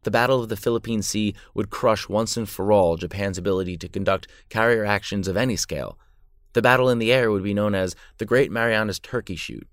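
A man's voice: lowish voice, fairly quick, no echo, studio quality. A man narrating war history from a script, dramatic with an irreverent edge. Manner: dramatic yet irreverent storytelling.

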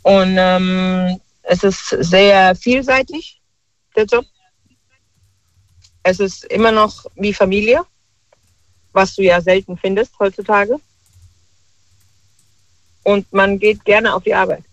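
A man calls in to a talk show over a dull, dry phone line. His voice sits high for a man. He talks in a relaxed, hesitant way with many fillers. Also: takes it slowly, long pauses, dry recording. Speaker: caller. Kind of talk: casual phone-in chat. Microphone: telephone.

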